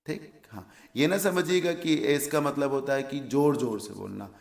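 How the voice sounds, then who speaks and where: Gravelly Indian male English teacher. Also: medium pitch, moderate pace, reverberant. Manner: explains word meanings step by step, asks and answers his own questions. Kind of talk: exam vocabulary lesson.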